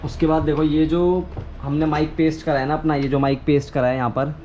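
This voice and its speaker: A man's fairly quick, level voice sits on the high side and sounds mellow, with a lo-fi quality. He's a video creator giving a casual hands-on how-to, explaining in steps and repeating himself a lot. The background carries clear ambient noise.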